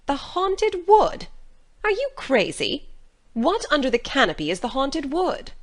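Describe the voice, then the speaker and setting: Woman as stern, expressive, scolding Marilla. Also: sits high, full character voice. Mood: incredulous, scornful. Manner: brisk, scolding, incredulous, firm. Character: stern, practical, no-nonsense older woman guardian. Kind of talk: dramatic audiobook character reading.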